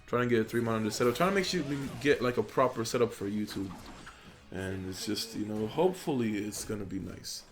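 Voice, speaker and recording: His voice sits on the low side and runs a little fast, with soft background music. The speaker is a young adult gaming YouTuber who grew up in Poland speaking Polish natively, offering relaxed, rambling, filler-filled commentary over gameplay through a USB desk mic.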